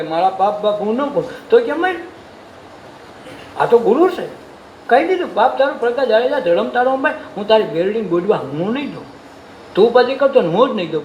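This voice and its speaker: A man with a Gujarati accent giving a devotional sermon, folksy, asking questions and answering them himself. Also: sits high. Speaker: satsang preacher. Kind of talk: devotional sermon with sung verses. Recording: echoey room with faint noise.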